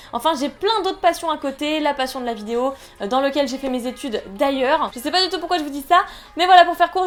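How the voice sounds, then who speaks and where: A young woman chatting casually through an unboxing, rambling and giggly, poking fun at herself. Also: high-pitched. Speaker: unboxing vlogger.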